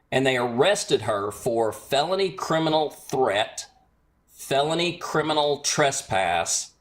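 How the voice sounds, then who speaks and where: A man calling in to a live stream, telling a friend's story in a measured, hesitant way with many pauses. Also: medium pitch. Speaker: caller. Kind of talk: telling a personal account.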